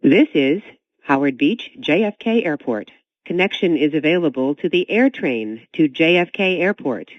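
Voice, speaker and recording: A recorded train announcer making onboard stop announcements over the loudspeaker after a chime, in a measured, evenly paced delivery. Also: medium pitch, expressive, no echo. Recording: tinny, dry speaker sound.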